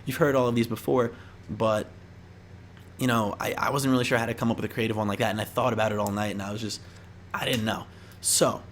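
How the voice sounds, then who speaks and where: Chatting informally to his viewers, a young vlogger rambles through interview tips using plenty of slang. His voice sits at medium pitch, with a little hiss or hum in the recording.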